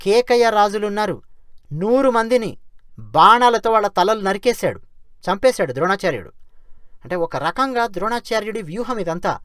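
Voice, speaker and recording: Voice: mid-range voice, moderate pace, dry recording. Dry, close conversational epic storyteller. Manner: lively, asks rhetorical questions.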